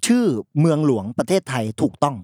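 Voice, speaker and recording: A man's voice: on the high side, big pitch swings, brisk, dark tone, no echo, clean studio sound. A man hosting a solo comedy podcast, rambling from topic to topic with jokey, mock-serious asides. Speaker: podcast host.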